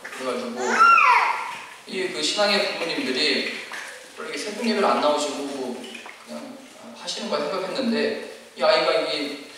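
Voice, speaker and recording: A man's voice: a little high, normal speed, noisy background. A male pastor preaching a sermon, dramatically acting out the cries of biblical figures. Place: church hall. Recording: echoey church hall, mic far off.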